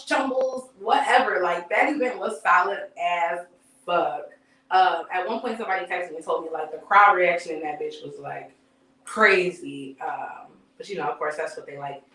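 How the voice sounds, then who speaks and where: A woman's voice: fairly low pitch, a bit bright, distant mic. A woman talks through a live battle rap recap in a loose, profane, chatty way, sighing and filling gaps with "um" and "like." Her voice sits a little back from the mic. The room around her sounds echoey. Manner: loose, profane and conversational, with frequent fillers and sighs. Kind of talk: casual live-stream commentary.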